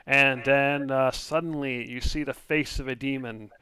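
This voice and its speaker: Halting male game master, mid-pitched. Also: steady tone, pushed and bright, clear, resonant tone. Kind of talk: improvised tabletop game narration.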